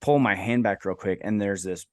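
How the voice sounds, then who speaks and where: A man's voice: fairly low pitch, normal speed, no echo, studio quality. A laid-back man from Iowa, a podcast co-host, telling a story in casual chat and saying "like" and "man" a lot. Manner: laid-back, fills his talk with "like" and "man".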